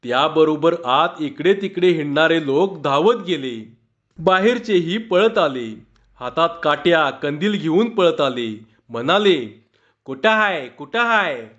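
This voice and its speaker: A man reading a humorous short story aloud in a slow, measured storytelling manner. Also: fairly high pitch, expressive, a bit bright. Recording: dull lo-fi recording.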